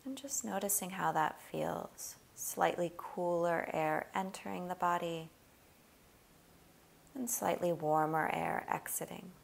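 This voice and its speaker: In a fairly low voice marked by clear vocal fry, a woman leads a body scan meditation. She delivers each gentle instruction unhurriedly, with long pauses between phrases.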